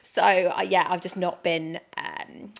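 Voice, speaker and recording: A woman's voice: on the low side, flat delivery, slow pace, fairly bright tone. A woman, the regular podcast host, chatting casually and giggling between rambling thoughts. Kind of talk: casual chat.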